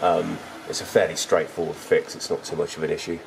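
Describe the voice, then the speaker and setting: A mechanic explaining car repairs in a matter-of-fact way, in a workshop. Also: male voice, rumbling low, little pitch movement, brisk, creaky, background noise.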